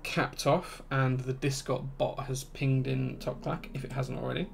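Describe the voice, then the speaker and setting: A man with a broad Yorkshire accent chatting casually as he hosts a livestream, relaxed and conversational. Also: medium pitch, measured pace, creaky, background noise. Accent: broad Yorkshire English. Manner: relaxed, conversational, reading out chat comments. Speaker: livestream host and keyboard builder.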